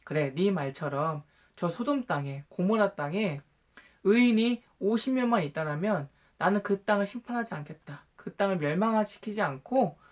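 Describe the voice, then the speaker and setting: A gracious male God from a Bible storybook, read by a man. He answers in a calm, patient and measured way, reassuring and never angry. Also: high voice.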